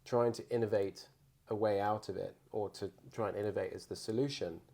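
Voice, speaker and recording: A man's voice: fairly low pitch, steady tone, brisk, gravelly, mellow, breathy edge. A man giving conversational answers as a guest surgeon on a podcast.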